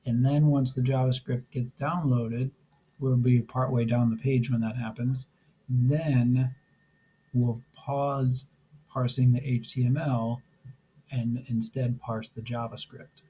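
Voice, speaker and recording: A man who is losing his voice, teaching a programming lesson step by step in a relaxed way with frequent fillers. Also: medium pitch, takes it slowly, breathy edge, rough recording. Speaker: programming instructor. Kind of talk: screen-recorded coding tutorial.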